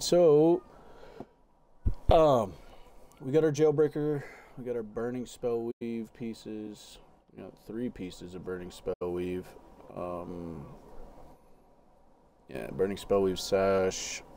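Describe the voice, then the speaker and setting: A man's voice: fairly low pitch, takes it slowly, pauses often, mellow, slight background noise. A man casually narrating his gameplay as a streamer, rambling and swearing freely while sorting through his gear. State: has the hiccups. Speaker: gaming streamer.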